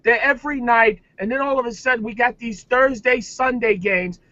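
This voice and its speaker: Sports show host, man, high bright voice, animated and insistent. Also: normal speed, dry recording, highs cut off. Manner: animated, pushes his point. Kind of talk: casual sports debate.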